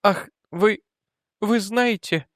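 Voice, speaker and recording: A man's voice: high voice, drawn-out words, no room sound, studio quality, voice pushed up. A man voicing Jennet, a frantic young woman. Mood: distraught. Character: frightened young woman, desperate.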